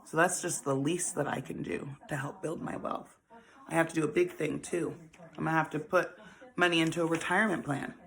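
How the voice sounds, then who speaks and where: Brisk and steady, this host's voice sits low with vocal fry and a fairly bright tone. A woman in her forties, she leads a casual money-saving talk, chatting and laughing frequently while calling listeners honey and baby.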